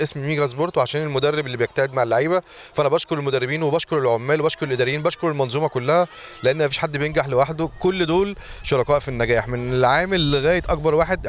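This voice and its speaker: A man's voice: mid-range voice, racing, a little hiss or hum. An Egyptian man who runs a sports academy, answering interview questions earnestly and repeating thanks.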